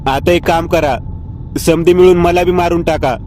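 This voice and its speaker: A man's voice: a little high, fairly even intonation, moderate pace, a little mellow, slight background noise, close to an everyday voice. A man voicing a bitter, grieving old grandmother who growls and weeps her accusations. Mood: tearful.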